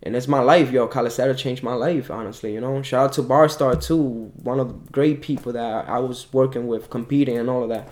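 Male athlete interviewee, hyped bro-talk, cocky and self-assured, medium pitch, casual. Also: fairly even intonation, a little fast, hardly any pauses, a little mellow. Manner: hyped frat-bro slang, constant "bro" and "yo". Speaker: calisthenics athlete being interviewed.

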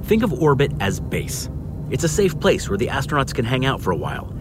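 A man's voice: mid-range voice, sing-song, fairly quick, background noise. A man narrating a scripted documentary in a dramatic, explanatory storytelling manner. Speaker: podcast narrator. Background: prominent music.

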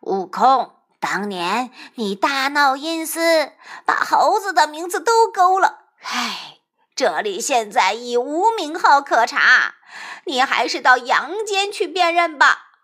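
A woman voicing a stern older male judge of the underworld in a storybook tale, speaking in a lowered, deliberate voice. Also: big pitch swings, sharp tone, heavily acted.

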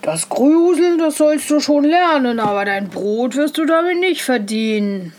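A woman's voice: medium pitch, lively intonation, slow, creaky, a little hiss or hum. A woman voicing a worried, stern old peasant father in a fairy tale reading, weary and scolding. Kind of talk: storybook reading.

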